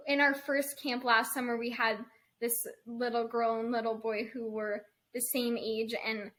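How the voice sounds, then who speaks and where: A woman's voice: a little high, little pitch movement, unhurried, fairly bright tone. A woman in her early twenties co-hosting a podcast, chatting casually with playful, teasing banter. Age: early 20s. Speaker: podcast co-host. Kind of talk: casual chat.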